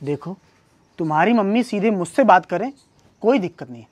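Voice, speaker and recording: A man's voice: high voice, expressive, moderate pace, no echo. Sarcastic man in a comedy sketch. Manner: dry, sarcastic quips, rising into exasperated rants. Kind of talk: scripted comedy sketch acting.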